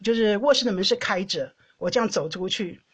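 A Taiwanese woman with a Taiwanese Mandarin accent, hosting a podcast and telling a personal story in an animated, chatty way, often laughing and tagging phrases with a soft "ha". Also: mid-range voice, fairly quick, husky. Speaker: podcast host. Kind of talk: casual storytelling monologue.

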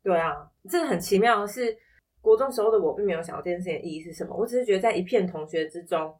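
Female podcast guest, slightly low voice, Taiwanese Mandarin accent, reflective casual storyteller. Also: racing, darkish tone. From Taipei, Taiwan. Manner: reflective, explanatory, quotes others in anecdotes. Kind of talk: casual personal storytelling in an interview.

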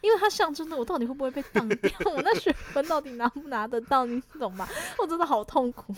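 A young woman, co-hosting a casual podcast and telling stories in an animated way, acting out quoted lines and laughing often. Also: sits high, fast. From Taiwan. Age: young adult. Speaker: podcast co-host.

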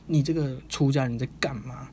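A man's voice: medium pitch, fairly even intonation, normal speed, mellow, slight background noise, lightly acted. A man voicing a bitter, wounded adult man who talks in an agitated, stammering way. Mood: angry.

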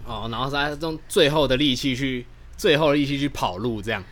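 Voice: medium pitch, fairly bright tone. A podcast co-host with a Taiwanese Mandarin accent, chatting casually and cutting in with short questions. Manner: quick listener with short questions and interjections. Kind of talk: casual chat.

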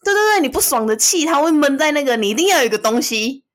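A woman co-hosting a casual chat podcast, with a slightly high voice. She reacts with quick exclamations and repeats words for emphasis. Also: animated. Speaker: podcast co-host.

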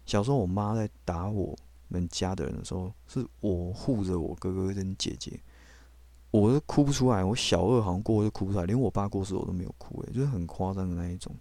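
A man's voice: low-pitched, fast talker, dark tone. A man, telling his faith testimony on a podcast in a blunt, candid way with casual swearing. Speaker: podcast host.

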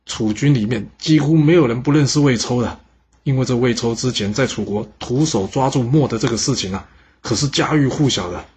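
A man telling a historical story in a lively spoken manner, with fillers. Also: mid-range voice, fairly quick, slightly rough.

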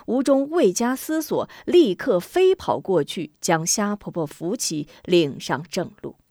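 A woman storyteller reading a martial-arts tale in an expressive way. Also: medium pitch, unhurried, no echo, studio quality. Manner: expressive, acts out characters.

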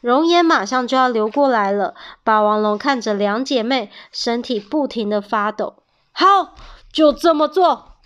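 A woman with a high voice reads a children's picture book aloud. Her delivery is gentle and measured, the way a storyteller reads to kids. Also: clear, resonant tone, muffled recording.

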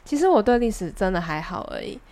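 Young female podcast co-host with a Taiwanese Mandarin accent; mid-pitched, chatty storyteller. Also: fast. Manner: chatty, animated anecdote telling with quoted dialogue. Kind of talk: casual chat, storytelling.

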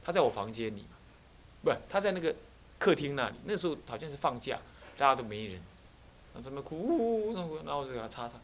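Speaking fast and very animatedly in a mid-range voice, a man with a Taiwanese Mandarin accent lectures students in a teaching room. He is a Buddhist abbot delivering a sermon through storytelling and frequent rhetorical questions, with slight background noise.

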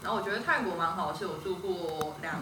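A woman's voice: lowish voice, fast. Woman host heard from a distance, echoey. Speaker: podcast host. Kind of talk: casual interview chat. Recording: roomy, distant mic with noticeable noise.

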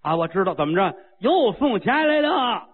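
A man's voice: high voice, very animated, moderate pace, slightly rough, in a large hall, full character voice. Man doing a blunt warrior queen. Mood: calm. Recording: tinny lo-fi radio broadcast.

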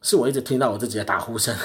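A young man, hosting a podcast and telling stories in a chatty, self-mocking way. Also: mid-range voice. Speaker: podcast host. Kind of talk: casual solo storytelling.

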